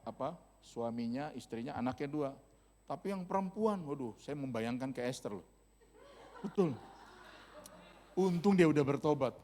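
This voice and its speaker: A male pastor with a slightly high, warm voice preaches a sermon, telling stories in a funny, relaxed, slang-heavy way. He's in a church hall, and the recording carries its long reverb.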